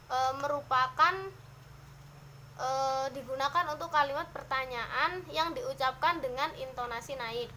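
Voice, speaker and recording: Young woman student presenting, high bright voice, steady list-like reading, slight hiss behind. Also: rough recording. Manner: measured, list-like delivery with occasional hesitations. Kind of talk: class presentation on syntax.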